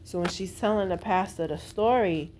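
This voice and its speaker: An American woman vlogger reviews a stage play in a casual, informal chat, retelling the plot with her own opinions, slang, and acted-out quotes. Her voice sits on the low side at a normal speed, with noise in the background.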